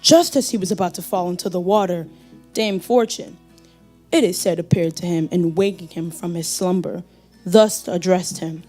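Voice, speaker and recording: A woman's voice: on the low side, moderate pace, mellow, soft background music. A woman performing a storytelling monologue on stage with a dramatic delivery.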